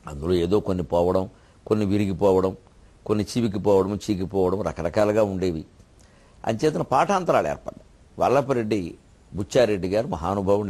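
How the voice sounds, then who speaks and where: A man's voice: deep voice, a little mellow. A man giving a devotional discourse as a spiritual lecturer, explaining the meanings of words in a teacherly manner. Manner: teacherly, explains word meanings, chants verses slowly.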